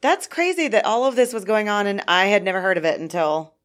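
A woman's voice: medium pitch, big pitch swings, fairly quick. A woman co-hosting a podcast, chatting casually, joking, and closing the episode with a sign-off to listeners. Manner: reactive, joking, signs off the episode. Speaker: podcast co-host.

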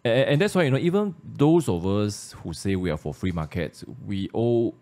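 Deep-voiced Malaysian man hosting a podcast. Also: expressive, moderate pace, a little mellow. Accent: Malaysian English. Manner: thoughtful, repeats words as he thinks aloud. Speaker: podcast host. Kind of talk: casual discussion.

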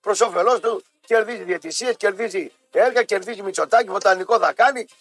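A man's voice: high voice, a bit bright, faint music behind. A man co-hosting a casual radio chat show, complaining and ranting in lists. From Greece. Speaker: co-host.

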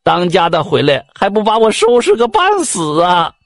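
A man voicing a loud, frantic village woman from the countryside, who exclaims and wails in a Northeastern Mandarin accent. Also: high-pitched, huge pitch swings, moderate pace, no room sound, pitched above the performer's own voice, full character voice. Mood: excited.

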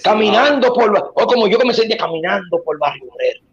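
A man telling a comic story in an animated way, acting out voices and shouting punchlines. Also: sits high, quick pace, a loud crowd. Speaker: guest. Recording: dull lo-fi sound.

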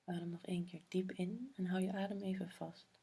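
A woman guiding a meditation in a soft, breathy half-whisper, slow and soothing, with long pauses. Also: on the low side, steady tone. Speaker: meditation guide. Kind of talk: guided meditation.

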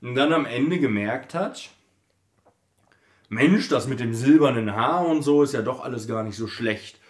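A man's voice: mid-range voice, a little slow. A man co-hosting a podcast, chatting and then reading a Christmas story aloud while slightly tipsy, laughing and stumbling now and then. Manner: chatty, laughing, reads with small slips. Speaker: podcast co-host.

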